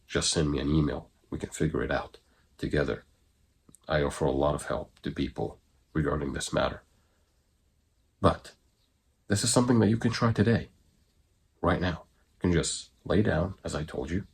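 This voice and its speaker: A man coaching viewers through an exercise in an informal, halting way, in short phrases. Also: very deep voice, gravelly, husky. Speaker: breathwork coach giving online guidance. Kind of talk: instructional talk to viewers.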